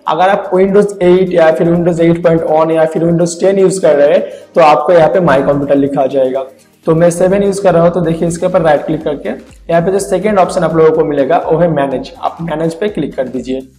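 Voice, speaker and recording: A man talks viewers through a computer setup one click at a time, his fairly high voice ringing in a roomy space. The reverb hangs on his words, and soft music plays faintly underneath. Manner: step-by-step explaining. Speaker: tech tutorial host. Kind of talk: screen-recorded tutorial.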